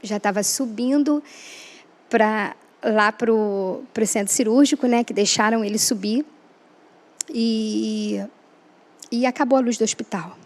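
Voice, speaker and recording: A woman's voice: a little high, measured pace. A woman guest giving an emotional personal testimony, earnest and acting out the dialogue she recalls. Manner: earnest, re-enacts dialogue, frequent "né?".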